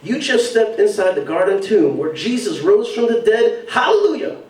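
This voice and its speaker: A man's voice: high-pitched, big pitch swings, a little slow, dark tone, distant mic, voice pushed up. A man mimicking a fervent male tourism-ad narrator with an affected accent, gushing and over the top, in an echoey hall.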